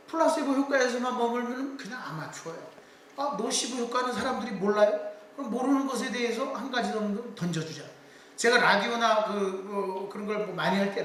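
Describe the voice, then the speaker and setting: A middle-aged man giving a public lecture, telling stories with quick asides to the audience. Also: high voice, a bit bright, slight background noise. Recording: echoey hall, distant mic.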